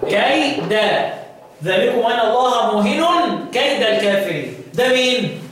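A man with an Egyptian Arabic accent teaching the Quranic readings, quizzing his students and chanting verses slowly. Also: very high voice, expressive, music in the background. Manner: quizzing students with repeated questions. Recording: echoey room, distant mic, faint noise.

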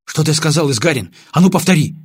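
A man acting out a stern security lieutenant in an audiobook, clipped and commanding. The voice is husky and very dry. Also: mid-range voice, very animated, brisk, no room sound, pitched above the performer's own voice, full character voice. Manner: commanding, then politely apologetic. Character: stern male security lieutenant, tense and authoritative.

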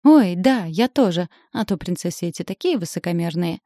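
A woman's voice: lowish voice, normal speed, no room sound, clean studio sound, close to an everyday voice. A woman voicing a chattering gossipy young lady. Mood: eager. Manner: chattering, excitable.

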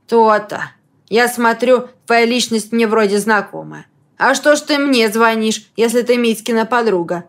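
A woman voicing a hoarse, jovial, hard-drinking middle-aged man in an audiobook, drawling slowly. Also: a little high, lively intonation. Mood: gruff. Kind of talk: audiobook reading.

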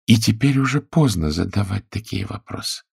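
A man voicing a fussy, worried fifty-year-old wife in an audiobook, with a creaky, husky raised voice. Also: animated, moderate pace, a little mellow, no room sound, studio quality, full character voice. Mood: fretful. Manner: raised, sing-song pitch. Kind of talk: audiobook character voice.

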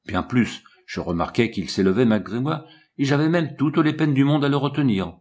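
A man reading a novel aloud as the narrator, in an expressive and dramatic way. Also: mid-range voice, moderate pace. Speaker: audiobook narrator.

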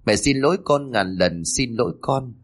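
A man's voice: mid-range voice, animated, moderate pace, pitched above the performer's own voice, natural voice. A man voicing a grieving young wife who pleads through tears, in a storybook reading. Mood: tearful. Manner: sobbing pleas.

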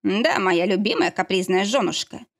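A woman's voice: medium pitch, moderate pace, natural voice. A woman voicing a teasing, affectionate young husband with a wry manner.

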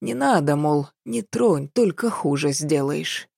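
An elderly woman in a hospital speaks simply and plaintively, in a lowish voice, as a woman narrator plays her. The audiobook sound is dry and close. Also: expressive, a little slow, gravelly, a little mellow, husky, dry recording, exaggerated voice. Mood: gentle.

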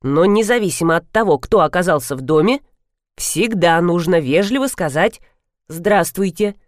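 A woman narrating a first-person novel in a wry, expressive way. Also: lowish voice, moderate pace, dry recording, clean studio sound. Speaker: audiobook narrator.

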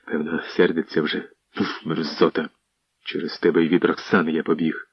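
A man voicing a bold young male warrior who speaks gruffly and with scorn, on a dull lo-fi radio recording. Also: extremely low pitch, flat delivery, normal speed, dry recording, voice pushed down, exaggerated voice.

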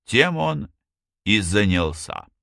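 A man reading a novel aloud as an audiobook narrator, in an expressive storytelling manner. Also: lowish voice, takes it slowly, creaky, dry recording, studio quality. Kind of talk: scripted narration.

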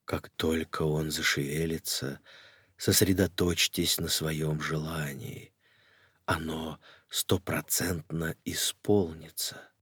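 A man voicing a sly male charlatan sorcerer who intones in a slow, grave, sepulchral voice. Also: extremely low pitch, level tone, fairly bright tone, breathy edge, no room sound, studio quality, pitched below the performer's own voice, full character voice.

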